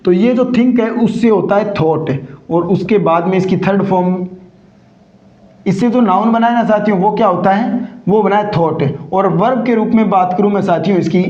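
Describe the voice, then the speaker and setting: A man's voice: high-pitched, normal speed, darkish tone. A male English teacher, lecturing a class and constantly answering his own rhetorical questions. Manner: repeats rhetorical questions and answers them himself. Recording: echoey room, dull lo-fi sound.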